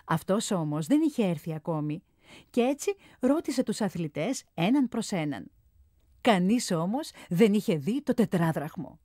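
A woman reading a children's storybook aloud in a clear, expressive narrating voice. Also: mid-range voice, dry recording, studio quality.

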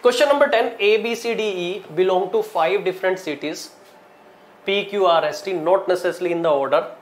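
A man's voice: high-pitched, steady tone, fairly quick. A man in his thirties with a North Indian accent, teaching aptitude problems step by step in short, repeated, emphatic phrases. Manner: instructional, short broken phrases with repetition and emphasis. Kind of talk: classroom lesson, solving problems step by step. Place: indoor teaching studio in front of a digital board.

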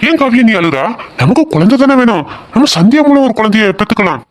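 A man voicing a young husband in an animated family drama, hurried, alternately coaxing and scolding his crying wife. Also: sits high. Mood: impatient coaxing. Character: young husband, impatient and embarrassed.

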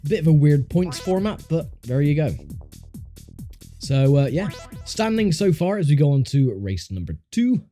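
With a slightly high, mellow voice and wide pitch swings, the man speaks in an unhurried way. His sinus infection leaves him stuffy as this gaming YouTuber gives dry, wry, casual commentary on a racing game over its music.

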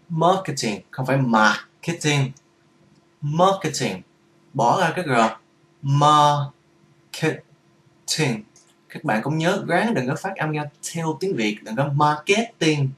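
A man's voice: fairly high pitch, echoey room, slight background noise. A man giving a casual vlog lesson on English pronunciation, patiently explaining and repeating each sound to demonstrate it.

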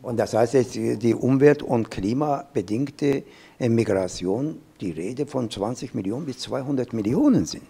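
A man in his fifties from Iran, speaking German with an Iranian accent on a panel, with halting restarts and fillers, holding a handheld mic. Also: medium pitch, creaky, mellow, breathy edge. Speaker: professor, panel guest. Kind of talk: panel discussion. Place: small event studio with glass wall.

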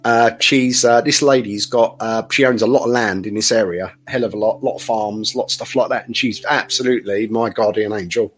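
A man's voice: on the low side, fairly quick, few pauses. A middle-aged man, telling his story as a podcast guest in a rambling, candid way full of restarts. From south-east England. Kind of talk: casual interview storytelling.

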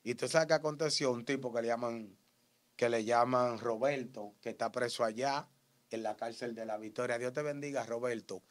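A man with a Dominican accent giving an interview testimony in street slang, acting out shouts and gunshots as he tells it. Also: mid-range voice, moderate pace. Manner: animated, acts out shouts and gunshots.

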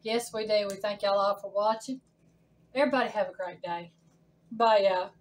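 A woman's voice: mid-range voice, steady tone, normal speed, recorded from a distance. A woman, hosting a casual home cooking demonstration in her kitchen and chatting folksily to viewers. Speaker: home cooking channel host.

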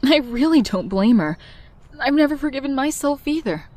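A woman's voice: high-pitched, expressive, moderate pace, a little mellow, no echo. A woman voicing Mary Jane, a fiery but guarded young woman, telling her story in a heartfelt, confessional way in a comic dub. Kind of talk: comic dub narration and dialogue.

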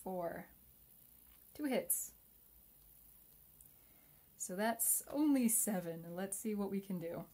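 A young adult woman plays a solo board game, muttering quietly as she goes, then reviews it in a chatty, upbeat way. Her medium-pitched voice has lively intonation, and she takes it slowly, pausing often.

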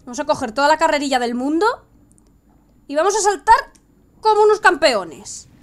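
A young woman with a Spanish accent giving excitable live gameplay commentary, swinging from hushed coaxing to sudden shrieks. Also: high-pitched, normal speed. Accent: Spain Spanish. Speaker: gaming streamer.

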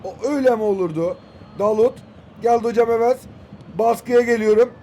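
A young man in his twenties narrates his football video game match as it happens. His voice sits very high, and he keeps talking to the players on screen, now and then shouting their names. Faint noise runs under the recording. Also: a little fast. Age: 20s. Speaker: gaming YouTuber. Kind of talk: excited live gameplay commentary.

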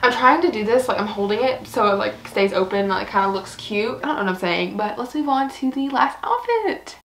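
A woman's voice: medium pitch, animated, brisk, fairly bright tone, a little hiss or hum. A young woman chatting casually to camera in a fashion try-on vlog, bubbly and giggly, full of fillers, a little out of breath. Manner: bubbly, giggly, lots of fillers like "like" and "I don't know". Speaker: fashion vlogger.

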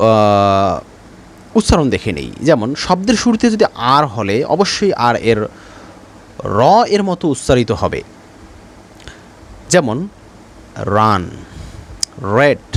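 A man teaches English pronunciation. His pitch swings widely as he talks, with hesitant fillers and slowly repeated example words. Faint noise sits behind the voice. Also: big pitch swings. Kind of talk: spoken lesson.

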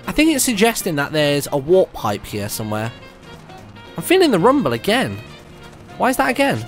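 Thinking aloud while he plays, this young British game streamer keeps up a chatty, casual commentary for his viewers. He has a high-pitched voice that swoops wildly and a moderate pace. The setup is a home streaming room with a close stand microphone and game music playing in the background.

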